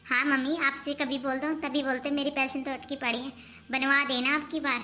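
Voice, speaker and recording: A woman's voice: high-pitched, little pitch movement, fairly quick, pushed and bright, a little hiss or hum. A woman playing a jealous, demanding young sister-in-law in a home-made comic family skit, whining and complaining about what she is given.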